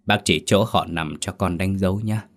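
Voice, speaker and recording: A man voicing a polite, soft-spoken female spirit medium. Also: low voice, moderate pace, natural voice.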